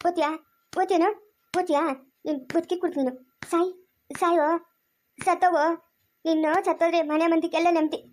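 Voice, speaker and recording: Woman as a harsh mother berating her little son, rural Chikkaballapur Kannada accent, very high voice, repeats her questions, family drama. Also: fairly even intonation, fast talker, pauses often, darkish tone. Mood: angry scolding. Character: angry mother scolding her young son. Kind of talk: amateur family drama acting.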